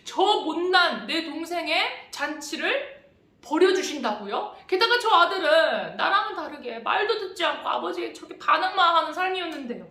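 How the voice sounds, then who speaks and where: A woman's voice: very high voice, expressive, normal speed, sharp tone, exaggerated voice. A woman voicing a resentful elder son who complains indignantly to his father. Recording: echoey church hall.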